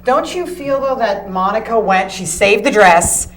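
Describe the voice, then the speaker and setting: A woman's voice: mid-range voice, measured pace. A woman on a casual studio panel, earnest and opinionated. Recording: roomy studio with faint hum.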